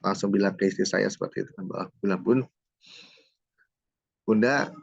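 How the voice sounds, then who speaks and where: A man's voice: low-pitched, monotone, very fast, creaky, husky, no echo, lo-fi sound. A middle-aged man from Jakarta giving a personal testimony as an interview guest. He tells his story in a storytelling way and acts out the dialogue, tagging his lines with little asides. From Jakarta, Indonesia. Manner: storytelling, acts out dialogue, many "gitu kan" tags. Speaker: guest, certified trainer.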